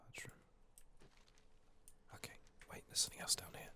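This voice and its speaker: A gaming video host, his voice strained from being sick, gives soft, partly whispered playthrough commentary. He murmurs his thoughts aloud in an unhurried, casual way.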